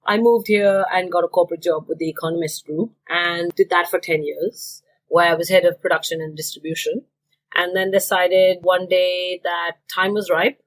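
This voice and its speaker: A woman's voice: on the low side, steady tone, normal speed, poor audio. A woman from India, a business owner, answering interview questions in a matter-of-fact way.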